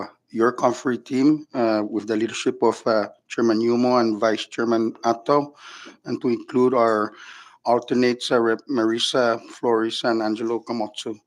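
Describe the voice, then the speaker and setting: A man's voice: mid-range voice, poor audio. A male legislator making formal floor remarks to the members of his chamber.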